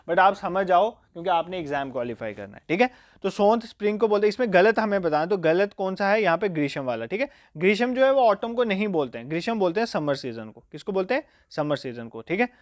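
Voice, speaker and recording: Male quiz-lesson teacher, fairly high voice, dry close mic, repeats answers to drill them. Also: no echo. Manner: asks a question then answers it himself, repeating key facts; reads English questions slowly and deliberately. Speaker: exam-prep teacher. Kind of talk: quiz lecture.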